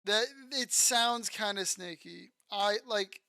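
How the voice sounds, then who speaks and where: A woman streamer talks over her gameplay in a gravelly, half-muttered voice. She is sardonic and swears freely, her pitch in an ordinary middle range. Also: takes it slowly, sharp tone, no room sound, clean studio sound. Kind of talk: casual gameplay commentary.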